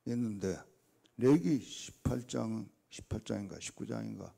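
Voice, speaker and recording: Older pastor guy telling stories in a sermon, gravelly voice, acts out his chats with god. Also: lowish voice, normal speed, dark tone. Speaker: guest preacher. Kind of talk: dawn revival sermon.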